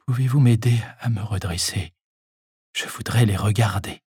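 A man voicing a frail elderly man speaking softly and weakly after a shock. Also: lowish voice, normal speed, slightly rough, dry recording, studio quality. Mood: wistful.

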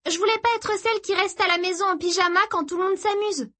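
A woman's voice: very high-pitched, fairly even intonation, fast talker, sharp tone, pitched above the performer's own voice. A woman voicing a sarcastic fifteen-year-old girl in an audiobook. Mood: teasing. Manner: teasing, skeptical sister.

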